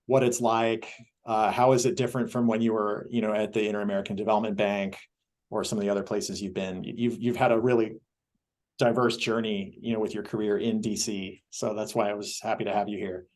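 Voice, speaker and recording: A man's voice: on the low side, flat delivery, fairly quick, darkish tone. A man moderating an online panel casually, handing over to speakers in a loose, rambling way full of "you know".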